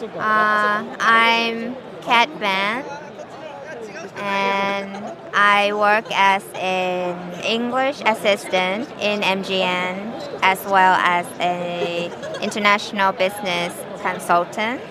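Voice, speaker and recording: A woman from Japan, a consultant speaking slowly and carefully. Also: medium pitch, fairly even intonation, a crowd in the background. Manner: slow, careful. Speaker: business consultant. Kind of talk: vox pop interview.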